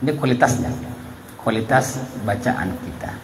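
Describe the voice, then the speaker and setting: A man's voice: mid-range voice, expressive, moderate pace, background noise. Indonesian man teaching Quran recitation. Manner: explains patiently, demonstrates letter sounds aloud. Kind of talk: classroom Quran lesson.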